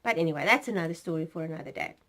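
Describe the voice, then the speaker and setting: A woman's voice: low voice, rapid-fire, fairly bright tone. A woman from South Africa with a South African accent, hosting a knitting podcast in a rambling, chatty way full of fillers and asides. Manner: rambling, chatty, self-interrupting with fillers and laughs. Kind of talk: casual chat.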